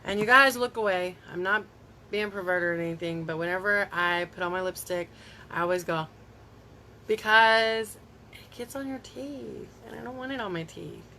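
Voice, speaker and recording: A beauty vlogger from Tennessee hosts a live stream from home, chatting casually into her phone, rambling and reacting to viewer comments. Her mid-range voice is pushed and bright at normal speed, with slight background noise.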